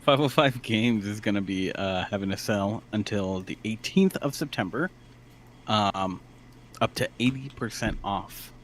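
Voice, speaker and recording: A man co-hosting a podcast, reading out game sales in a relaxed way with many fillers. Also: fairly low pitch, a little slow, a little hiss or hum. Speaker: co-host reading game deals. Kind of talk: casual podcast banter.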